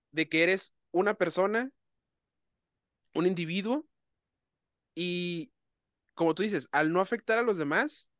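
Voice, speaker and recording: A man's voice: on the high side, fairly bright tone, no room sound, clean studio sound. A man hosting a casual conversation, thoughtful and careful as he explains ideas. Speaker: host.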